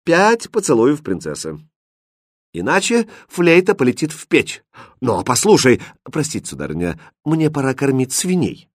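A man voicing a calm, sly young swineherd in a storybook reading, unhurried and teasing. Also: mid-range voice, no room sound, clean studio sound, voice pushed up. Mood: lazy.

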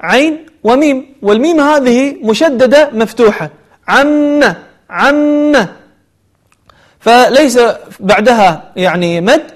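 A man teaching Quran recitation, switching between slow chanted verses and quick spoken explanation. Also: very high voice. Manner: alternates slow melodic recitation with brisk explanation. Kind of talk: tajweed lesson with chanted examples.

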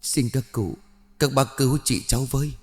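A man's voice: medium pitch, moderate pace, darkish tone, soft background music, voice pushed up, natural voice. A man voicing a frightened young ghost girl, a servant, pleading tearfully in a storybook reading.

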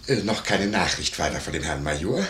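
An actor playing a fawning, gossipy innkeeper in a 1950s German radio play, talking in an eager, wheedling way. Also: male voice, rumbling low, expressive, fairly quick, fairly bright tone, full character voice. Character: fawning, nosy male innkeeper, middle-aged. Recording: roomy, faintly noisy 1951 radio recording.

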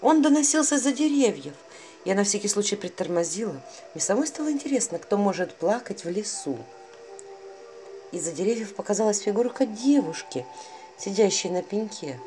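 A woman narrating a first-person story in a wry, lively way, voicing the characters as she goes. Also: mid-range voice, moderate pace, soft background music.

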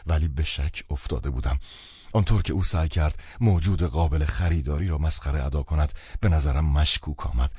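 A man narrating a novel in the first person, measured and expressive. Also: extremely low pitch, husky, no room sound, clean studio sound. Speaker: audiobook narrator.

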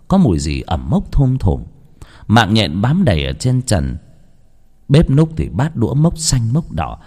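A man's voice: lowish voice, mellow. A man telling a ghost story in a dramatic, theatrical reading style. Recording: long hall reverb.

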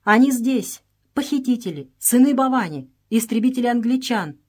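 A woman's voice: fairly high pitch, expressive, moderate pace, a little mellow, husky, voice pushed up. A woman voicing a wounded boy servant who speaks weakly and earnestly, pleading and warning, in a read-aloud story.

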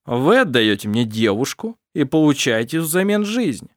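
Brief: male narrator doing a ruthless pirate captain, loud, raised, menacing, dry sound. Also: mid-range voice, sing-song, unhurried, no room sound.

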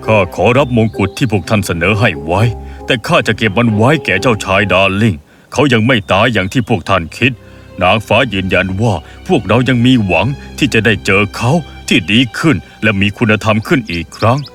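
A man's voice: fairly low pitch, brisk, fairly bright tone, faint music behind, lightly acted. A man playing a loyal, humble male tutor who speaks earnestly and with dignity in a storybook tale.

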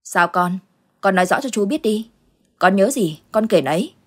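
Woman doing gruff older village uncle. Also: medium pitch, lively intonation, moderate pace. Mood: stern. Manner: gruff, commanding. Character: stern older village uncle who fights ghosts.

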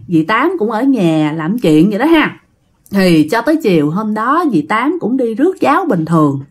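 A woman narrating a ghost story in a chatty, conversational way. Her voice sits a bit high and rises and falls a great deal as she talks, and she keeps turning to her listeners. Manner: chatty, addresses the listeners directly.

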